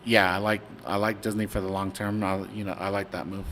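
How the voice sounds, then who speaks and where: A man's voice: deep voice, flat delivery, fairly quick, a bit bright, slight background noise. Laid-back young man rambling about charts. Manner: laid-back, rambling, slangy with many fillers. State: hiccuping. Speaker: stock trading stream host. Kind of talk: casual livestream chart talk.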